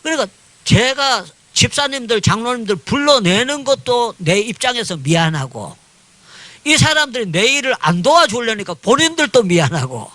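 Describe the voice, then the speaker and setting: Older man, pastor giving an animated testimony sermon, bright forceful voice, high-pitched. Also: no echo. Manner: animated storytelling, crying out in prayer, acting out dialogue. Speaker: pastor and missionary.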